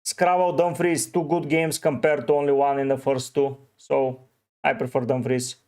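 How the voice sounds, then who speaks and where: A man's voice: medium pitch, little pitch movement, moderate pace, a little mellow. A man from Bulgaria, hosting a casual livestream and giving short, offhand answers to viewers' chat messages. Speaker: fantasy football streamer.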